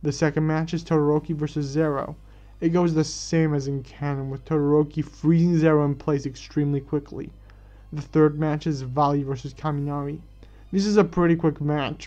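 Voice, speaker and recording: A man's voice: on the high side, little pitch movement, normal speed, dark tone, faint music behind. A man narrating a fan-written story aloud, often stumbling and correcting himself mid-sentence. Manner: stumbling restarts and self-corrections. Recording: dull lo-fi recording.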